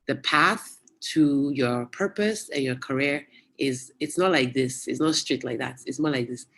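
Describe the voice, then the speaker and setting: A guest speaker giving a casual, chatty motivational talk to young people over a video call, telling stories with lively exclamations. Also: medium pitch. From United States. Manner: chatty, animated storyteller with local exclamations. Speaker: guest speaker at youth webinar.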